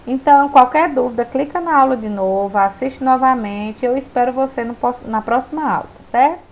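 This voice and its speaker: A woman's voice: sits high, fairly quick. A young woman teaching a recorded remote school lesson, explaining step by step and checking in with her students.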